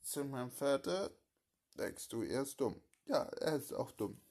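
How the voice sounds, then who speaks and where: A man reads out a home-made crime story and plays every part himself. He takes his time over each phrase, his voice slightly husky. Now and then he breaks into a sudden loud outburst. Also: medium pitch, very animated. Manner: slow, halting delivery with abrupt loud outbursts. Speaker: amateur storyteller voicing all parts.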